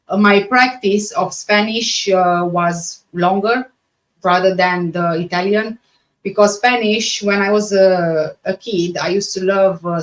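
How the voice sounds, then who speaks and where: This livestream host from Romania talks casually with her audience in a Romanian accent, stumbling a bit and restating things as she replies. Her pitch is medium, and the audio quality is poor.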